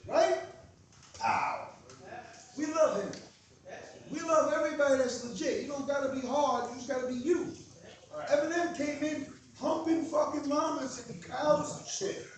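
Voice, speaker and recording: A man from Queens with a Queens New York accent, delivering an animated, profane comedic rant in punchy, repeated phrases and rhetorical questions. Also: very high voice, a little slow. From Queens, New York, USA. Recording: very echoey room, distant mic.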